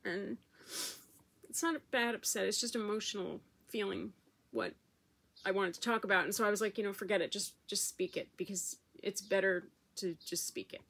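A woman's voice: mid-range voice, gravelly, fairly bright tone, breathy edge. Emotional woman talking to her vlog. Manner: emotional, halting, tearful at times. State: close to tears. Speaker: vlogger. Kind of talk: personal video blog, emotional.

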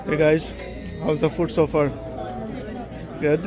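Over music and a background crowd, a man with a slightly high voice speaks slowly in a monotone. As a travel vlogger, he carries a handheld camera through restaurants and streets, both indoors and outdoors, offering simple, friendly praise of the food in his casual vlog. The camera audio is noisy.

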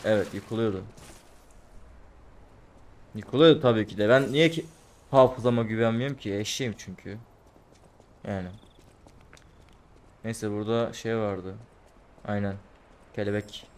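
Young man with a Turkish accent, gameplay commentary, mutters low, erupts into angry cursing. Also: measured pace, long pauses. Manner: muttering to himself, bursting into angry swearing. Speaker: gameplay streamer.

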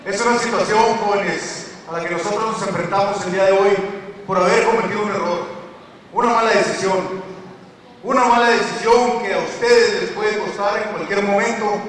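A man's voice: high voice, fairly even intonation, moderate pace, fairly bright tone, a little hiss or hum. A man playing a male inmate who speaks directly to an audience of students in a didactic, earnest way, heard from far off in an echoey hall. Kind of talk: live stage performance.

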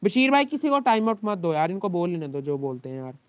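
A game streamer with a Pakistani Urdu accent talks to his live chat during a gaming stream, sounding exasperated and complaining, his throat dry from shouting. He has a high voice, is very animated, and talks fast.

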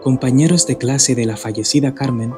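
A man from the Dominican Republic reading a scripted horror story in a measured, grave manner. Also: medium pitch, warm tone. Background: faint background music.

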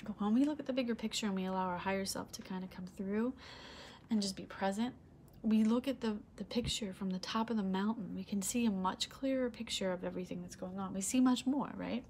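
Speaking a little fast to camera, a tarot reader offers a casual reading, her soft, low, husky voice fading as she loses it and clears her throat, often checking "okay?" She sits indoors among red curtains and table candles, recorded quietly on a faulty mic with a little hiss or hum.

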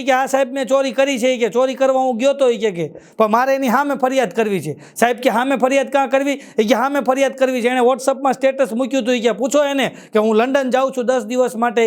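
A man with a Kathiyawadi Gujarati accent telling jokes on stage at a live show, moving briskly from punchline to punchline with a recurring catchphrase. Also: very high voice, fairly even intonation, clear, resonant tone. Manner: quick punchlines, ends each joke with a catchphrase. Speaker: stand-up comedian.

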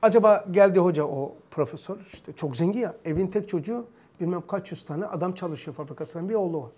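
A male religious teacher with a high voice. He tells anecdotes with emphatic, animated delivery and drives points home by repetition. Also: fast talker. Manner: animated, emphatic retelling with repeated phrases. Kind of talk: storytelling lesson.

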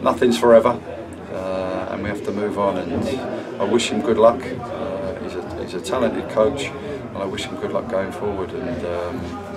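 A middle-aged man, a football manager, answering post-match questions in a measured, subdued way with many pauses. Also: low voice, fairly even intonation, recorded from a distance, a loud crowd, rough recording. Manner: measured, subdued, halting with fillers. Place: indoor club room, sponsor wall.

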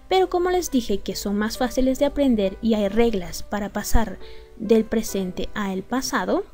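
A woman's voice: on the high side, dark tone. Patient woman teaching a grammar lesson. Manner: patient, step-by-step, asks students rhetorical questions. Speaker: English teacher. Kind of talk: video lesson explaining grammar rules.

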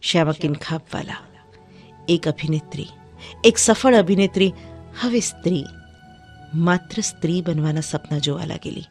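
A woman radio host narrating a scripted story in a studio. Her voice sits a bit low, soft and measured, with a quiet dramatic touch. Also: faint music behind.

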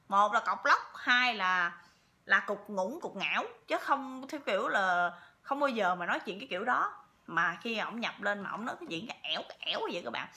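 A woman's voice: mid-range voice, pushed and bright. A woman telling a story to her viewers in a chatty way, repeating words often. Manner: chatty, with many repeats and fillers. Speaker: vlogger.

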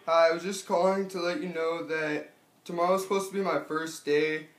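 A young man making a casual prank phone call, talking in a hesitant, halting way. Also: on the high side, little pitch movement. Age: young adult. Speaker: prank caller. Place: small furnished room at home. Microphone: camera a short distance away. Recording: echoey room, camera mic.

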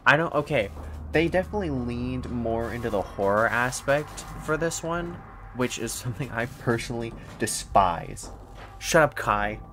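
A man's voice: mid-range voice, animated, normal speed, bright, forceful tone, faint music behind. A young man streaming a horror game with scared, jumpy commentary and sweary, sarcastic asides. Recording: faint-to-clear game noise behind voice. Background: horror game ambience.

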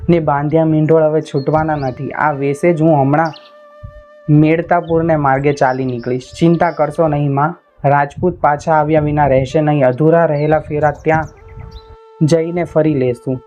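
A man's voice: a little high, moderate pace, lightly acted. A resolute young bride, as a man reads her lines. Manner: calm, determined. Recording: dull lo-fi recording with faint instrumental music.

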